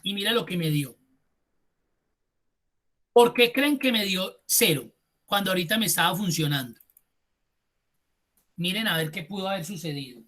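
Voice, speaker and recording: A male instructor leads an online class with a bright, clear, forward voice. He walks his students through each step and keeps asking them to look closely. He sounds like he is speaking into a computer mic on a video call. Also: sits high, animated, normal speed, long pauses. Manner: explains step by step, addresses students directly. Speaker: Excel instructor.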